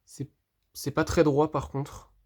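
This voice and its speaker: A vlogger unboxing a toy figure in a casual, hesitant way, thinking aloud, talking straight to viewers and filling pauses with hesitations. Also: mid-range voice, level tone, darkish tone. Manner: hesitant, puzzled, fills pauses with "euh" and "du coup".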